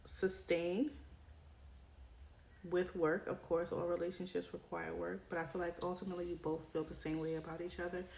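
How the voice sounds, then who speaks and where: A tarot reader with a lowish, darkish voice, vocal fry, and flat delivery talks at normal speed through a casual reading aimed right at her viewers. She's chatty, leans on "right?" often, and sounds increasingly tired from an oncoming cold. The room echoes with shuffled cards and clicks.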